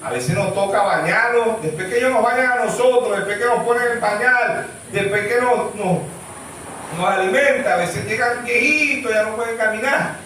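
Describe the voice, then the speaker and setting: A man's voice: sits high, moderate pace, pushed and bright, a little hiss or hum. A man with a Venezuelan accent preaching a sermon as pastor, throwing rhetorical questions at the congregation. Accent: Venezuelan Spanish. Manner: rhetorical questions, asking "¿sí o no?" for replies. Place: church hall. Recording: very echoey hall, voice far from mic.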